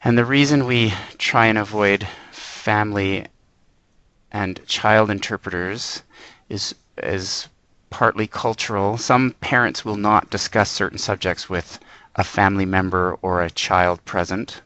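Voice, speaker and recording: A man giving an informal instructional presentation, explaining plainly in short, measured points. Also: on the low side, fairly even intonation, bright, forceful tone, clear, resonant tone, no echo, rough recording. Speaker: presenter on working with interpreters.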